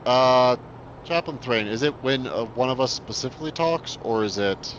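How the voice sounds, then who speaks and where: A man's voice: medium pitch, moderate pace. A man co-hosting a casual hobby stream, talking in a rambling way with lots of restarts. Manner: rambling, many fillers and restarts. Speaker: co-host. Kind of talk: casual chat. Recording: dull lo-fi sound, faint noise.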